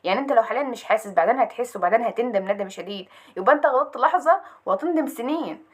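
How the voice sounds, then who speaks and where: Young Egyptian woman, rapid-fire, higher voice, pep talk to students. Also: animated. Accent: Egyptian Arabic. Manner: urgent, coaxing, asks and answers herself. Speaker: study motivation speaker.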